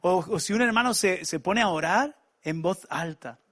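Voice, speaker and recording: A man from preaching a sermon, with animated, colloquial storytelling and asides. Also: sits high, normal speed. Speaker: pastor.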